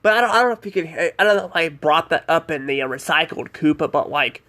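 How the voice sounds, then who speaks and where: A man's voice: fairly high pitch, expressive, fast, bright, forceful tone. A man giving a casual spoken review of a cartoon episode, rambling and hesitant, filling gaps with "like" and "I don't know".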